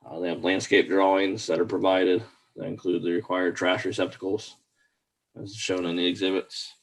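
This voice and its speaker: A man's voice: deep voice, level tone, normal speed, vocal fry. A man reading out a formal staff report at a public meeting in a plain, procedural way.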